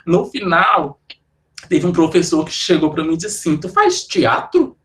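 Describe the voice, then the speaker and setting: A man's voice: on the high side, normal speed, a bit bright. Conversational Brazilian male lecturer. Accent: Brazilian Portuguese. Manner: conversational, frequent "né" tags and restarts. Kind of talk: academic talk to students.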